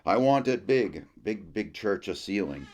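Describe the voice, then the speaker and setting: A man's voice: lowish voice, lively intonation, a little slow, a little mellow. Brief: man putting on a simple Acadian French woodsman, emphatic, broken English. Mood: eager, emphatic.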